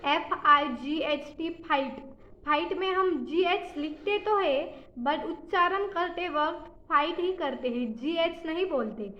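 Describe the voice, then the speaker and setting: A woman giving a casual spoken lesson, spelling English words out letter by letter in a slow, deliberate way. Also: high-pitched. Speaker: teacher explaining silent letters. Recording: muffled, echoey room.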